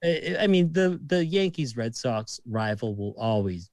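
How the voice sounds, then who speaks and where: A man in his thirties with a Boston accent chats as a podcast guest. He tells stories with lively energy and swears easily. The recording is dry and close. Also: medium pitch, a little slow, no echo. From Massachusetts. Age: 30s. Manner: lively storyteller, swears casually. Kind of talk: casual chat.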